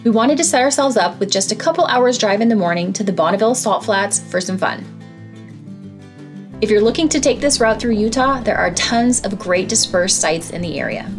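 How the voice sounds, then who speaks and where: A woman narrating a travel vlog in a calm, informative, scripted voice-over. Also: mid-range voice, a little fast, soft background music. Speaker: travel vlogger narrating a road trip.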